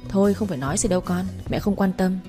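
A woman's voice: mid-range voice, fast, mellow, soft background music, natural voice. A woman voicing a scheming, two-faced young stepmother who talks scornfully or falsely sweet, in a Vietnamese audio story.

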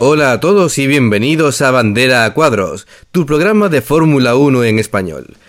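A man from hosting a casual sports talk show, speaking haltingly with frequent filler sounds. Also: mid-range voice, sing-song, dry recording, studio quality. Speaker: podcast host. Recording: music bed behind the voice. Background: music.

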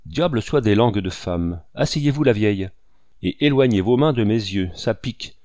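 A man reading a gruff old army colonel. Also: lowish voice, expressive, moderate pace, dark tone, no echo, lightly acted. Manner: brusque, commanding. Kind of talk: audiobook character reading.

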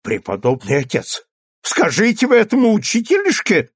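A man voicing a quick-tempered, pompous male burgomaster in an audiobook, blustering and shouting. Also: sits high, huge pitch swings, husky, no room sound, clean studio sound, voice pushed up, full character voice. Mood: furious. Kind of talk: audiobook character reading.

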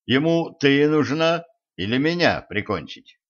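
A man voicing an impatient, excitable teenage girl who pleads and hurries others, on a dull lo-fi recording. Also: mid-range voice, unhurried, pitched above the performer's own voice.

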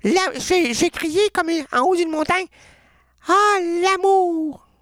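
A performer voicing an excitable, rambling female caller with a Quebec French accent in a comedic radio sketch. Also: very high voice, unhurried, dry recording, studio quality, voice pushed up. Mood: excited. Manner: gushing, giggly, rambling.

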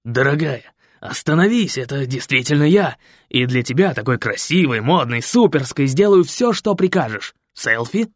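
A man's voice: medium pitch, lively intonation, moderate pace, no room sound, studio quality, natural voice. A male reader voicing Fred, a brash, jovial biker designer who talks in slang and bosses everyone around. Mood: cheery. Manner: slangy, bossy and boisterous. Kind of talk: audiobook character voice.

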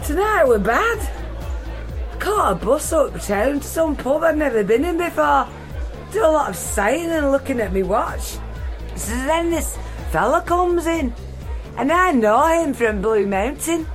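A middle-aged woman performing a brash comic monologue, swinging from loud to quiet. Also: high-pitched, sing-song, a little slow, faint music behind, a faint crowd. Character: brash middle-aged female ex-reality star. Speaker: solo stage performer.

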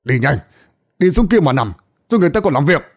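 A man voicing a fat, drunken middle-aged son who scolds his mother loudly and impatiently. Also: mid-range voice, sing-song, brisk, slightly rough.

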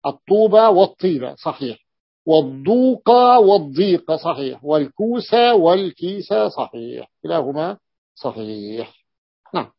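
A man teaches a grammar lesson as a sheikh, going over each rule slowly and repeating his phrases. His voice sits a little high. The recording is dull and dry, with no room echo. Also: animated, creaky. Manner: repeats phrases, stretches words, often confirms with a short "yes". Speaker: sheikh teaching Arabic morphology. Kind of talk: classroom lecture explaining a text.

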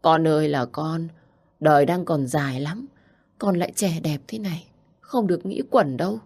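A woman's voice: deep voice, moderate pace, a little mellow. A woman voicing a desperate middle-aged mother in debt, who pleads with her daughter in a tearful voice. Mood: coaxing.

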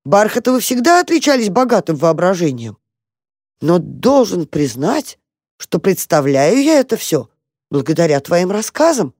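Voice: medium pitch, sing-song, moderate pace, darkish tone, no echo, clean studio sound. A reader doing a grand, tearful old mole. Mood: excited. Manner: sobbing, pompous, kindly. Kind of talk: storybook reading.

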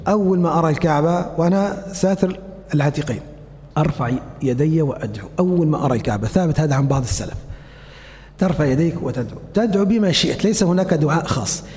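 Delivering a religious lecture, a man demonstrates steps and asks and answers his own questions. His voice is fairly high and warm, carried by a long hall reverb.

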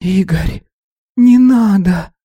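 A man's voice: high voice, drawn-out words, mellow, slightly rough, pitched above the performer's own voice, full character voice. A man voicing a frightened eighteen-year-old girl who pleads in urgent cries. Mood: pleading.

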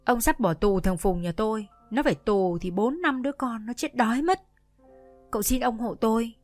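Một người phụ nữ đọc lời một bà cụ già đang khóc lóc van xin. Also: female voice, on the high side, moderate pace, faint music behind, lightly acted. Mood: begging. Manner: begging, plaintive. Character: old woman, tearful and begging.

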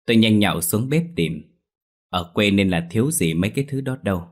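Deep-voiced man telling a ghost story. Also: fairly quick. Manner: steady, earnest first-person telling. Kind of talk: scripted ghost story narration.

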